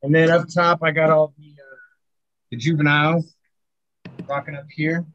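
A man guest on a video call from a warm grow room, talking casually while his audio cuts out and is muffled by his hand over the mic. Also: on the high side, normal speed. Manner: relaxed, rambling talk with many fillers. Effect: audio cutting out, muffled by a hand over the mic. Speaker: guest cannabis grower.

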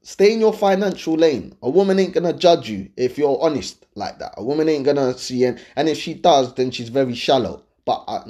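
A London-accented man hosts dating and lifestyle advice, sharing opinions with viewers in a slangy, casual way and often checking they're following. His mid-range voice is dark in tone, lively in intonation, a little fast, with few pauses.

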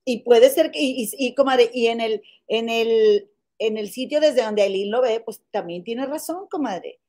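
A woman's voice: fairly high pitch, unhurried, warm tone. A woman giving her opinions in a casual gossip chat, repeatedly calling her friend comadre.

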